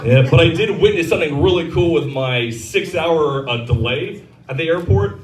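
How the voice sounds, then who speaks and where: A man's voice: fairly high pitch, lively intonation, normal speed. A man doing a crude, self-mocking stand-up set on a comedy club stage. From Texas. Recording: roomy club sound from a distance.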